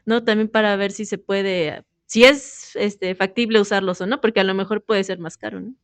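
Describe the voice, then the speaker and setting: A woman's voice: mid-range voice, fairly even intonation, moderate pace, dry recording. A woman professor gives feedback on a student presentation, explaining patiently and often ending points with a tag question. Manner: explanatory, repeats tag questions, many fillers.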